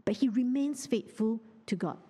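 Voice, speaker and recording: A woman with a Singaporean English accent giving a lively, conversational sermon, teasing and quizzing her audience. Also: a little high, normal speed, breathy edge, long reverb tail. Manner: animated, teasing, asks the audience questions. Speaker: preacher.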